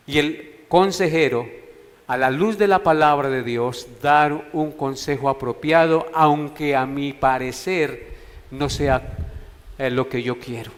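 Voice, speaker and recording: A man preaching a sermon at an unhurried, measured pace, his voice sitting a little high for a man. He drives points home by repeating key words one after another. The sound rings with long reverb from a church hall. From Colombia. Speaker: pastor. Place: church sanctuary.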